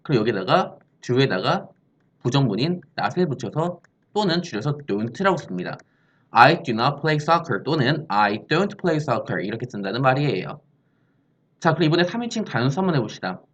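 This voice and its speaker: A man's voice: medium pitch, big pitch swings, measured pace, fairly bright tone, slightly rough, lo-fi sound. A man teaching an English grammar lesson, explaining step by step and posing questions he answers himself. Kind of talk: recorded classroom-style lesson.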